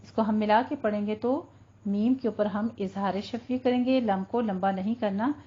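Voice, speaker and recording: A woman teaching Quran recitation rules, patiently explaining and drawing recited words out slowly. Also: medium pitch, steady tone, warm tone, lo-fi sound. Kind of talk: tajweed lesson with slow recitation.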